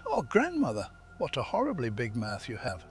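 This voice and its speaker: A man's voice: mid-range voice, huge pitch swings, normal speed, faint music behind. A man putting on an innocent little girl. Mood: wondering. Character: little girl in a red cap, innocent and trusting.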